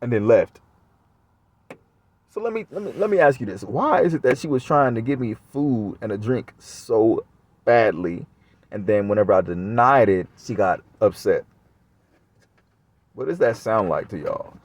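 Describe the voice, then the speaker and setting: Low-voiced man, profane rambling vlog. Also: animated, normal speed, long pauses, a little mellow, no room sound. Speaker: vlogger. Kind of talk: casual monologue to camera.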